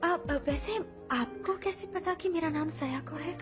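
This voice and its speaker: A woman's voice: very high-pitched, measured pace, over music. A woman voicing an earnest young woman in an anime film dub, who talks in flustered, stammering reactions.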